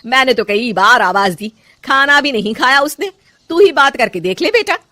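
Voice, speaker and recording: A woman voicing a loud, bossy older mother-in-law who gives orders in a dry, close voice. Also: sits high, lively intonation, normal speed, dry recording, voice pushed up. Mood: worried. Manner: loud, commanding, calls out to her daughter-in-law.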